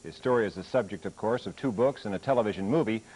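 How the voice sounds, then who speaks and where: A man reading TV news as anchor, with a measured, formal delivery. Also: on the low side, a little mellow, slight background noise, low-quality recording. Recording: off-air 1980s TV tape.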